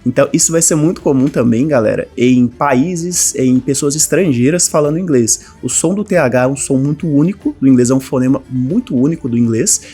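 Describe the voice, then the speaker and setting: A man with a Brazilian Portuguese accent teaching an online language lesson, talking to viewers directly in a lively way. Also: medium pitch, a little fast, few pauses, slightly rough, faint music behind. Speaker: English teacher.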